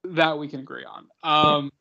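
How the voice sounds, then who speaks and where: A man's voice: on the high side, flat delivery, measured pace, sharp tone, highs cut off. A man co-hosting a podcast, talking enthusiastically with lots of laughter and casual swearing. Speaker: podcast co-host. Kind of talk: casual chat.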